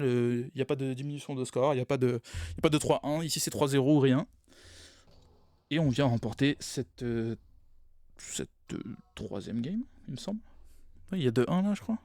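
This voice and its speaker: A man's voice: on the high side, darkish tone, no room sound. Tired man rambling through game commentary. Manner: rambling, self-correcting, laughs at own slips. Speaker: esports caster.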